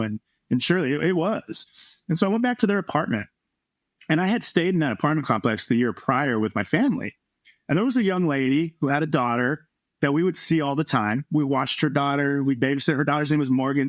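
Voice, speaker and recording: A man, a former baseball pitcher, earnestly telling his personal story as a podcast guest, animated when he quotes others. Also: dry recording, studio quality.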